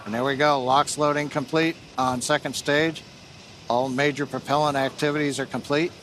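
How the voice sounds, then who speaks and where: Guy commentating a live launch, explains the technical stuff, medium pitch, bit of noise behind him. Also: fairly even intonation, moderate pace, fairly bright tone.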